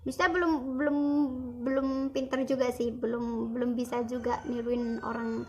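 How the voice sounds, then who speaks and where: A young woman with a high, bright voice talks students through an English lesson in a casual, chatty manner. She records the video lesson at her computer. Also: steady tone, normal speed, muffled recording. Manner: chatty, explaining in a casual classroom tone. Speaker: English teacher. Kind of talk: online video lesson over slides.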